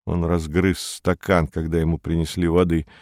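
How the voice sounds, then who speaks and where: A man reading an audiobook as narrator in a measured, even storytelling manner. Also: low voice, no room sound, clean studio sound. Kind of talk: scripted narration.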